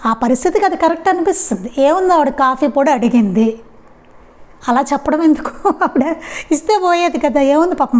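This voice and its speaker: A woman's voice: sits high, a little mellow. A woman giving a devotional satsang talk in a conversational storytelling way, with frequent rhetorical questions. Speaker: spiritual speaker.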